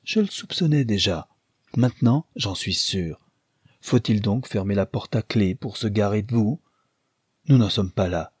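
A man with a husky voice voicing an impetuous young wife who scolds with imperious, haughty commands. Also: fairly low pitch, measured pace, warm tone, dry recording, studio quality. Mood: furious. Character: impetuous young wife, tender then fiery-tempered.

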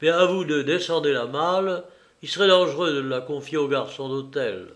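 A man reading an audiobook, voicing a cool, commanding gentleman burglar who gives brisk, ironic orders, a little higher and louder than his narration. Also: close to an everyday voice. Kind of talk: audiobook character voice.

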